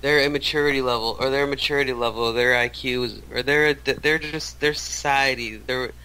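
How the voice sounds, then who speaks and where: A man's voice: mid-range voice, steady tone, normal speed, sharp tone, clean tone, poor audio. A man in his thirties, a radio show guest, talking casually with many restarts and fillers. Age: 30s. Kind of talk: casual interview talk.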